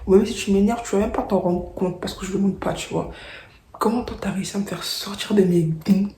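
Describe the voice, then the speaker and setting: Young woman telling a story, slangy and lively, mellow voice, echoey room. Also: mid-range voice, a little fast, slight background noise. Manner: slangy, animated, drops into whispered asides. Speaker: vlogger. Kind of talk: casual storytime vlog. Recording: roomy echo.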